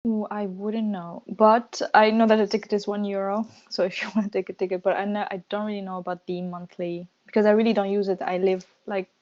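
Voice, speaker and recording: A young Tunisian woman who studies medicine chats casually in an interview, laughing often and pausing with fillers. Her medium-pitched voice is a little mellow with a flat delivery, and the highs are cut off.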